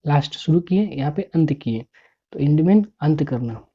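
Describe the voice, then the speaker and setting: A woman teaching English words, spelling each one out letter by letter and repeating its meaning in a slow drill. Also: sits low, expressive, dark tone, husky. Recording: dull lo-fi recording.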